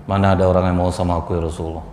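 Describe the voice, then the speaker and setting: A preacher voicing a humble, repentant male thief who answers in a low, meek voice. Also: flat delivery, very fast, darkish tone, slight background noise, close to an everyday voice. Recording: echoey mosque hall.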